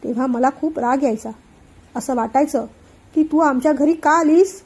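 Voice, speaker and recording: Woman reading as emotional elder brother, young man, earnest and tender, high voice, mellow tone, storybook reading. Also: moderate pace, natural voice. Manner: heartfelt, earnest monologue.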